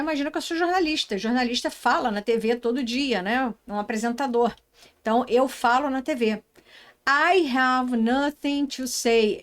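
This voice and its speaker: A woman from Brazil teaching a casual online English lesson, chatting, talking to herself and reading example sentences slowly. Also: fairly high pitch.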